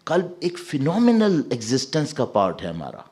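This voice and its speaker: A man giving a religious sermon as a cleric, mixing English words into his talk and reciting Arabic verses slowly, swinging from emphatic peaks to soft low asides. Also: wildly swooping pitch. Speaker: Shia cleric giving a Muharram majlis.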